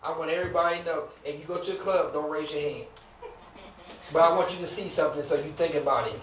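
A man with a high voice preaches a sermon, driving his points home with rhetorical questions and loose, humorous asides. He sounds set back from the microphone in an echoing church sanctuary, with a faint murmur of room ambience behind him. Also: fast, a bit bright, a little hiss or hum. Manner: casual conversational asides to the congregation. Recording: echoey room, mic at a distance.

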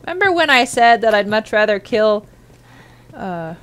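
A woman streamer commentating her own gameplay, excitable, swearing and yelling at the game. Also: fairly high pitch, moderate pace, clean tone. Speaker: gaming streamer. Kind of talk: live let's-play commentary. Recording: background noise from the game.

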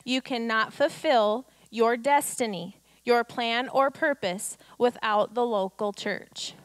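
A woman's voice: a little high, slow, clean tone, dry recording. A woman in her thirties preaching a sermon on a church stage into a handheld mic, urging her listeners with rhetorical questions. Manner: exhortative, rhetorical questions, acts out quotes.

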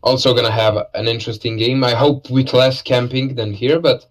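A man's voice: medium pitch, steady tone, normal speed, poor audio. A man casually commentating a live esports match, laid-back and joking, with lots of fillers.

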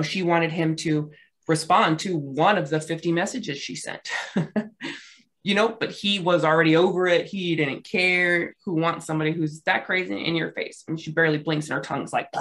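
A woman's voice: fairly low pitch, a bit bright. A woman panelist casually analyzing a clip on a video call, chatty and acting out the quotes she describes. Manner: chatty, laughing, acts out quotes. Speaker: body language panelist.

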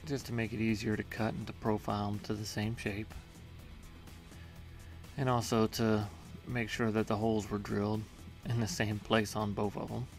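A man with a low voice and a gravelly edge talks through a home build step by step. His delivery is plain and matter-of-fact, with the odd "uh" as he explains. Soft music sits quietly behind him. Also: flat delivery, moderate pace. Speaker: home workshop maker. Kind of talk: casual voice-over narration of a build.

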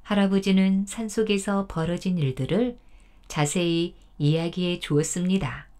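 A woman storyteller narrating a folktale in a calm, gentle bedtime manner. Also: on the low side, normal speed, smooth.

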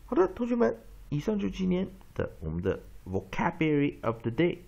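A man teaching an English pronunciation lesson. He repeats words slowly for drilling and mixes English terms into his Chinese. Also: high voice, wildly swooping pitch, creaky, darkish tone. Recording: dull lo-fi recording.

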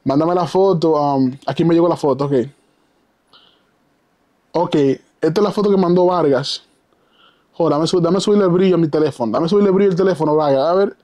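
A man streaming live from home, commenting excitedly and reading out chat messages, slipping English exclamations into his talk. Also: on the high side, fairly quick, pauses often, muffled recording. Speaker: live streamer reacting to wrestling. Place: home, downstairs at night.

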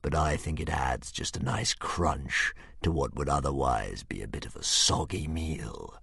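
A man voicing a huge, smug male dragon who talks like a philosopher, with slow, low, silky menace. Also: lively intonation, vocal fry, pushed and bright, slightly rough, no echo, clean studio sound, heavily acted. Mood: menacing.

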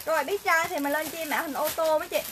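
High fast-talking woman selling live. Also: fairly even intonation, background noise. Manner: brisk, repetitive calls for orders. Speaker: livestream seller. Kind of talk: fast sales pitch on a live stream.

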